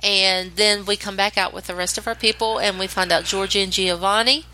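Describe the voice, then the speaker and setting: A woman's voice: mid-range voice, steady tone, brisk, bright, forceful tone, a little hiss or hum, poor audio. A woman co-hosting a podcast, recapping a dance competition show in casual, opinionated chat, sounding a bit stuffy. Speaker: podcast co-host.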